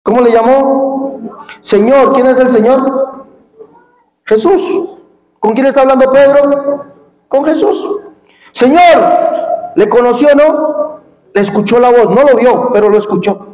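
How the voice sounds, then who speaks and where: A man preaching a fiery sermon, quizzing the congregation and rising to shouts. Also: extremely high pitch, unhurried, pauses often. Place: large church hall at a congress. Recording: echoey hall with long reverb.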